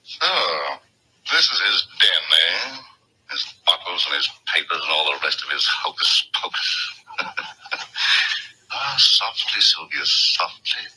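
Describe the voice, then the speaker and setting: An actor playing a gloating, menacing count and big game hunter in an old-time radio drama, speaking deliberately. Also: male voice, deep voice, big pitch swings, bright, forceful tone, slightly rough, full character voice, low-quality recording. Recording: thin old radio recording.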